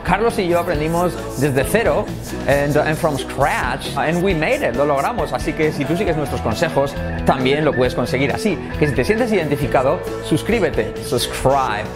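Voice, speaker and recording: A man runs a casual English lesson, his voice sitting a little high. He talks in a lively way, drawing out English phrases slowly to show how they sound. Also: music in the background. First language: Spanish. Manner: lively, switching between Spanish and slowed, exaggerated English examples. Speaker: English teacher.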